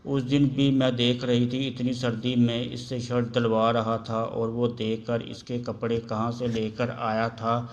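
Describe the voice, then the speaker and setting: A man's voice: mid-range voice, monotone, few pauses, a little hiss or hum, natural voice. A man voicing a kind, wise older mother-in-law who talks in a motherly, coaxing way in a storybook reading. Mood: advising.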